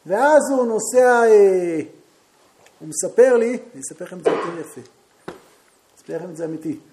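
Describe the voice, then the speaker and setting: A man teaching a Talmud class, telling a story to his students and turning to them with questions, now and then rising into loud, animated outbursts. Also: sits high, noisy background.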